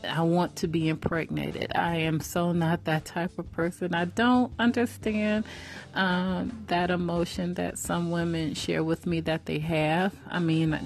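A woman's voice: on the low side, darkish tone. A woman in her forties giving an earnest faith-based motivational talk, preacherly and repeating phrases for emphasis. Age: 40s.

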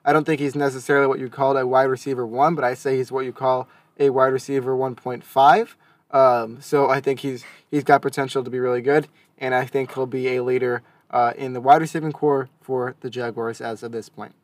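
A man's voice: mid-range voice, flat delivery, brisk, no echo. A young man co-hosting a casual sports chat, talking with hesitations and self-corrections. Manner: hesitant, many fillers and restarts. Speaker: podcast co-host.

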